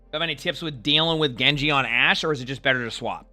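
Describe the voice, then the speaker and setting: A man's voice: mid-range voice, quick pace, bright, forceful tone, no room sound, soft background music. A man streaming a game, chatting casually to his viewers through a livestream headset mic. He rambles, using lots of fillers and restarts. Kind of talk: casual chat to stream viewers while gaming.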